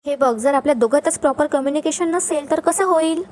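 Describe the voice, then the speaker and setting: A woman's voice: high-pitched, fairly quick, darkish tone, a little hiss or hum, close to an everyday voice. A woman voicing an angry young husband who keeps pressing with questions. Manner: insistent questioning.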